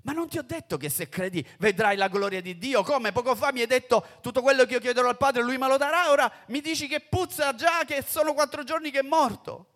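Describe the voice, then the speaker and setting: A man preaching, voicing Jesus in scripture dialogue in a solemn, slow, hushed way. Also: lowish voice, very animated, breathy edge, voice pushed down, heavily acted. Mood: reproachful. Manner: solemn, slow and hushed, then pressing and raised. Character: Jesus, a grave man commanding and reproaching. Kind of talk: sermon reading of scripture dialogue.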